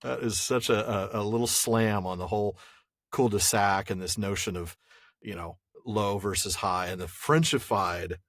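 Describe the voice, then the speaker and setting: A man's voice: lowish voice, moderate pace, a bit bright, no room sound, studio quality. A man co-hosting a podcast, chatting casually and joking with frequent laughter. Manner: jokey, laughs often. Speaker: podcast co-host. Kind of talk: casual chat.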